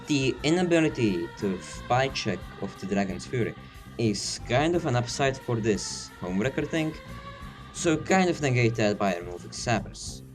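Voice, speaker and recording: A man's voice: mid-range voice, very animated, measured pace, music in the background. A man giving a casual, rambling game guide while recording under a blanket, sounding slightly out of breath and self-deprecating. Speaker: video game guide maker.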